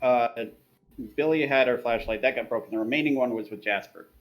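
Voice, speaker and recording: A man's voice: medium pitch, a little fast, dull audio. A man playing in a tabletop game, chatting casually over an online voice call. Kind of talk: casual chat.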